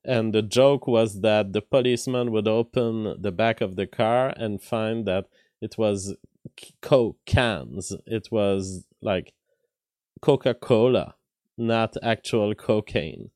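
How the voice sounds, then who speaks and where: A man with a weak voice, hosting a casual livestream commentary in halting, deliberate phrases. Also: on the low side, a little mellow, no room sound, clean studio sound. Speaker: livestream host. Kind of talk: casual livestream commentary, reading viewer messages.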